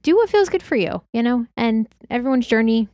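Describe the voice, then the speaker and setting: A woman's voice: on the high side, expressive, fairly quick, warm tone, no room sound. Casual woman podcaster, dry close sound. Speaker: podcast co-host and practitioner sharing advice. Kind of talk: casual advice chat.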